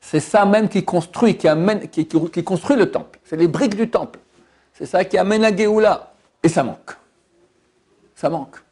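Male preacher, fervent sermon delivery, gravelly texture, rhetorical questions to the room. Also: moderate pace, darkish tone. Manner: impassioned, rising to high emphatic peaks; addresses listeners directly, rhetorical questions. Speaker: rabbi giving a Torah lesson.

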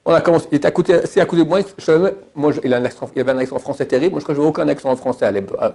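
A man from France, a rabbi teaching a Torah class and answering questions in an emphatic, animated way. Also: rapid-fire, creaky, slightly rough. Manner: animated, emphatic, jumps between high and low.

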